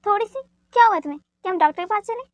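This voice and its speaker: A woman's voice: very high-pitched, racing, no room sound, dull audio. A woman doing a fretful young woman. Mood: insistent. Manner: pleading, emotional. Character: anxious, caring young woman, quick to anger. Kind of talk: fan dub drama reading.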